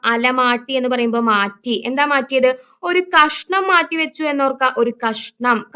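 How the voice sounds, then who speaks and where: A woman's voice: high voice, sharp tone, clean tone. A Malayali woman teaching exam facts through memory tricks, asking and answering her own questions in a chatty way.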